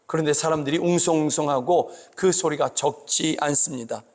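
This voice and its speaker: A pastor giving a slow, emphatic sermon that rises into loud cries. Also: male voice, a little high. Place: church sanctuary. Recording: long church reverb.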